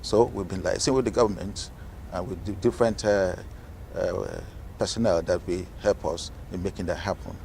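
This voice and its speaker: A man from Nigeria speaking as a guest on a TV interview, measured and with frequent fillers. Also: sits low, fairly even intonation, vocal fry, a little mellow, a little hiss or hum. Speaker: guest, organization president.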